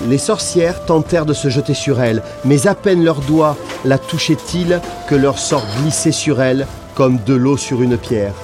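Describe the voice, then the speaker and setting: Male storybook narrator, mid-pitched, lively read-aloud delivery, studio recording with music underneath. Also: normal speed, few pauses. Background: background music.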